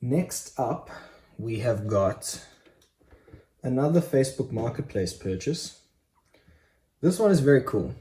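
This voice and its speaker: A man's voice: medium pitch, animated, slow, long pauses, mellow. A young man casually chatting through his collectible purchases in a vlog, enthusiastic with frequent ums. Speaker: Funko Pop collector vlogger.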